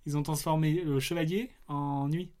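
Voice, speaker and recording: A man's voice: fairly high pitch, steady tone, moderate pace, darkish tone. A man hosting a casual film podcast, teasing and quizzing his co-host about movie titles. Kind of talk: casual film chat quiz.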